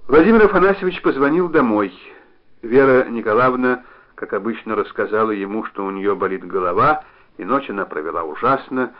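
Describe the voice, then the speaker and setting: A man narrating a novel in a measured, expressive reading style, on a dull lo-fi recording. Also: fairly low pitch. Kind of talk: literary audiobook reading.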